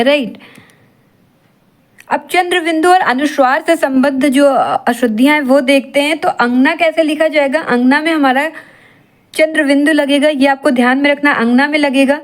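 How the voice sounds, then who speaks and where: A woman teaches an exam-prep grammar lesson. She works through each item in a steady, repetitive rhythm. She poses questions and answers them herself. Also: sits high. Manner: steady repetitive drilling, asks and answers her own questions.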